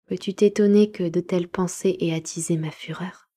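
A woman narrating a classic novel as a home-made live audiobook, measured and expressive. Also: on the low side. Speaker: audiobook reader.

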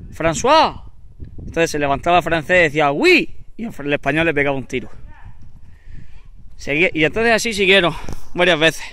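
A man's voice: a little high, fairly bright tone, clear, resonant tone, dry recording. A man from Spain with a Spanish accent, telling a local legend outdoors in the hills in a rambling, joking way. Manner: rambling, joking, full of fillers. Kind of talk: casual storytelling.

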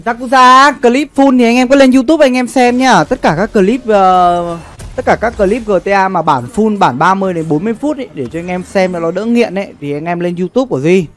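A man's voice: sits high, a little fast, fairly bright tone, faint music behind. A young man chatting casually on a gaming livestream, slangy and sweary, often repeating his phrases. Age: young adult. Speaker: livestream gamer. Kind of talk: casual livestream chat with game commentary. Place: indoor streaming setup.

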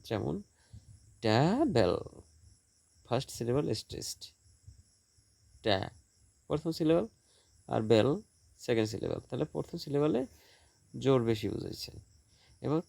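A male teacher giving a school lesson, sounding out example words slowly, with a Bangladeshi Bengali accent. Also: medium pitch, vocal fry, darkish tone, dry recording. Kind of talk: classroom lesson for school students.

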